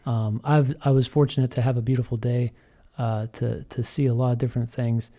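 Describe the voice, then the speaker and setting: A man's voice: mid-range voice, flat delivery, a little fast, mellow. A man hosting a podcast interview, asking hesitant, roundabout questions with frequent restarts. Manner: hesitant, many fillers and restarts. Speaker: podcast host. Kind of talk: casual interview.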